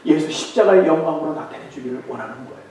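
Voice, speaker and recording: A man's voice: a little high, animated, quick pace, slight background noise. A male pastor preaching emphatically and telling a story in a church sanctuary, recorded from a distance in a very echoey room. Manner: emphatic preaching, some passages told in a softer tone. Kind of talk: sermon with storytelling. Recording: echoey hall, far from mic.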